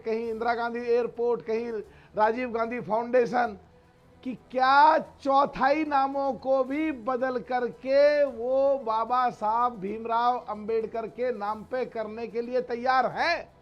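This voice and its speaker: A man's voice: extremely high pitch, little pitch movement, a little slow, lo-fi sound, faint music behind. A man arguing insistently as a panelist in a heated TV debate, repeating words for emphasis. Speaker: political panelist.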